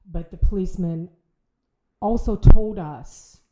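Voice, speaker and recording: A middle-aged woman, telling a personal story as a podcast guest in a halting way, with restarts and repeated words. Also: mid-range voice, heavy background noise. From Ohio, United States. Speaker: bereaved mother, podcast guest. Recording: roomy echo.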